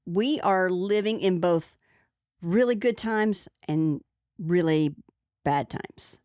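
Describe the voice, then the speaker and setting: A woman's voice: lowish voice, takes it slowly, a little mellow, clean tone, no echo, studio quality. A woman co-hosting a podcast in casual chat, playful and rambling, easily amused. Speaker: podcast co-host.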